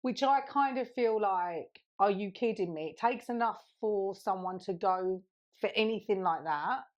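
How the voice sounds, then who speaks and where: Here a woman in her thirties, co-hosting a podcast, chats casually and tells a wandering anecdote with plenty of laughs. Her voice sits in the mid-range and moves at a measured pace.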